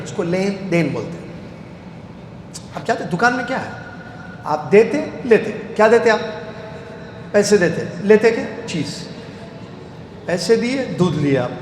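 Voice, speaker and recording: A man teaching a classroom lecture, asking his students questions and answering them himself, repeating key words. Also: high-pitched. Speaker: Islamic studies teacher. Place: lecture hall. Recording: echoey hall with faint background noise.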